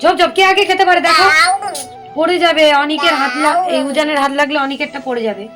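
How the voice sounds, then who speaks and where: A young mother vlogs from her home kitchen, walking viewers through her cooking in a chatty, step-by-step way. Her voice sits high and bright, and she slips into a coaxing, sing-song tone with her little ones. Background music runs clearly under her talk. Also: fairly quick. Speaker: lifestyle vlogger and mother. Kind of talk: casual home vlog narration.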